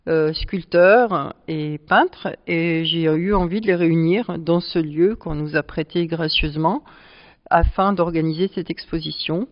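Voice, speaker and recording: A woman who presides over a charity club, answering interview questions at length and pausing often to find her words. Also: low voice, no room sound. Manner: explanatory, speaks at length with frequent hesitations. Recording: dull lo-fi sound.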